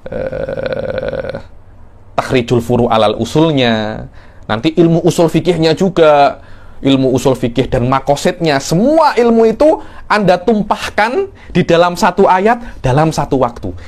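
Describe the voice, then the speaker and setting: A man's voice: fairly high pitch, sing-song, measured pace, darkish tone. Middle-aged man lecturing with emphatic rises. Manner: explanatory, repeats words, rising emphasis on key points. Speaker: religious teacher. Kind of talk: classroom lecture.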